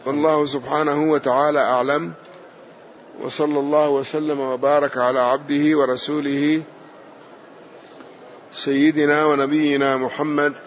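Calm male teacher explaining texts. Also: a little high, moderate pace, pauses often, muffled recording, a little hiss or hum. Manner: calm explanatory glosses, affirming with short acknowledgements. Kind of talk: religious lesson commentary.

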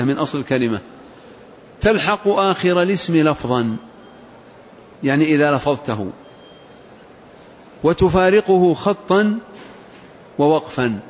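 Slightly high man teaching, repeating terms. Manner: repeats and stretches words for emphasis, questions the class. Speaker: grammar teacher. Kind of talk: classroom lesson. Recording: muffled recording with faint hiss.

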